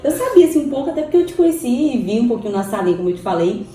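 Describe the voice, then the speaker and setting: A Brazilian woman hosts a casual podcast chat, affirming her guest with quiet exclamations. Her voice is mellow and dark. It sounds set back from the mic in an echoey room. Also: a little high, big pitch swings, racing, a little hiss or hum. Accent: Brazilian Portuguese. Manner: affirming, frequent soft exclamations. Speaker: podcast host. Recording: roomy echo, distant mic.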